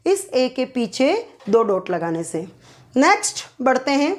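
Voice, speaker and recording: A female English teacher explains phonetic symbols, posing questions to her students, answering them herself and drawing out sounds to demonstrate. She repeats key points as quiz questions in an unhurried, high voice with big pitch swings.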